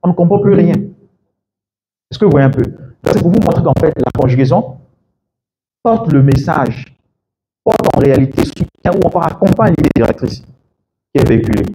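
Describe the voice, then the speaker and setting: A man teaching English to a class of students, lively and full of questions to the room, laughing often. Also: on the high side, brisk, long pauses. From Ivory Coast. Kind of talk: classroom masterclass. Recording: echoey room with faint background noise.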